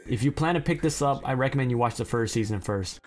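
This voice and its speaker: A man's voice: medium pitch, fast. Blunt, profane man reading anime synopses. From China. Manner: blunt, profane, self-deprecating asides. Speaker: anime list narrator.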